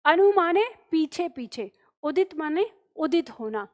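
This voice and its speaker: A woman's voice: high-pitched, expressive, a little mellow. A woman teacher explaining word spellings to students, breaking words into parts and often checking with "okay?". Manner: explains slowly, spells words syllable by syllable, keeps asking "okay?". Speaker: Hindi teacher.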